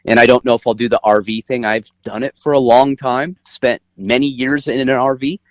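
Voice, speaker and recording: Lower-pitched man explaining things, dry sound. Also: steady tone, normal speed, no room sound. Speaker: guest author. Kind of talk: conversational interview explanation. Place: inside an RV.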